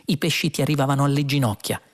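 A man's voice: mid-range voice, rapid-fire, close to an everyday voice. A man reading an audiobook, voicing a practical young woman space traveller in a matter-of-fact way. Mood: explaining.

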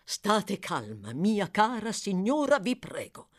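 A woman's voice: medium pitch, very animated. A woman doing a soothing kindly doctor. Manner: slow, soothing, reassuring. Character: calm kindly male doctor, soothing, earnest.

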